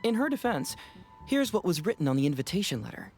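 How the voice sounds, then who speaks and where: A man's voice: high-pitched, sing-song, quick pace, a little mellow. An actor playing a confident young male detective who talks in a smug, knowing drawl. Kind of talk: video game voice acting.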